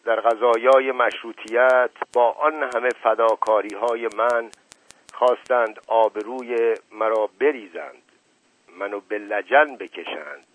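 A man's voice: mid-range voice, fairly bright tone, lightly acted. Dayi Jan Napoleon, a pompous old boaster, read by a man. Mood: boastful. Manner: boastful, indignant storytelling. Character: pompous old man, proud former Cossack officer. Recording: dry, tinny lo-fi radio recording.

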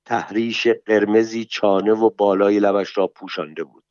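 A man narrating a first-person story as an audiobook, in a calm, measured and plain manner. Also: on the low side, no echo, highs cut off.

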